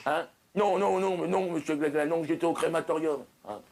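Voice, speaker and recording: Guy playing a grumpy chatty doctor at 4am, keeps cutting people off, gravelly voice. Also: a little high, brisk, background noise. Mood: exasperated. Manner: chatty, impatient, talks over others. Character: exasperated middle-aged male country doctor on a night call. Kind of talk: one-man comic sketch.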